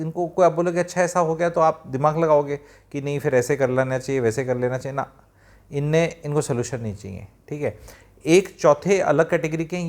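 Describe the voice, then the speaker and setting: A man speaking directly to viewers in an advice talk, plain-spoken and addressing them as friends. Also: fairly high pitch. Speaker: self-help speaker.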